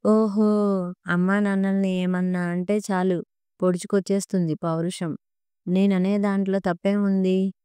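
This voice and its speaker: A woman's voice: medium pitch, level tone, normal speed, clear, resonant tone, dry recording, lightly acted. A woman voicing a scornful angry husband. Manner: shouting, mocking.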